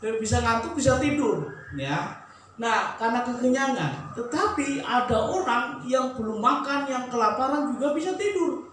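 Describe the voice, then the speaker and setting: A man preaching a sermon in a chatty, joking way, laughing often and acting out nagging spouses in a squeaky voice. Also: expressive, moderate pace, a bit bright, recorded from a distance, slight background noise. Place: church sanctuary. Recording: echoey church hall, mic from afar.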